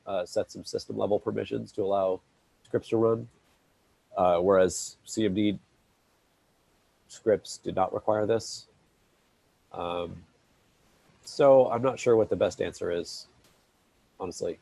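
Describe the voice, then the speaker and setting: A man's voice: on the low side, gravelly, darkish tone, no room sound. A man on an online meeting call talking through a technical problem, hesitant and wry, with many restarts. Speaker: maintainer on open project call. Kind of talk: casual technical meeting talk.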